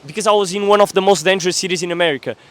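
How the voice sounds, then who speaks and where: Young man, fairly high voice, intense and earnest, dry close sound. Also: rapid-fire, fairly bright tone, no echo. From Portugal. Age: 20s. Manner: intense, earnest, swears casually. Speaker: young entrepreneur, vlogger. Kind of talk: motivational monologue to camera.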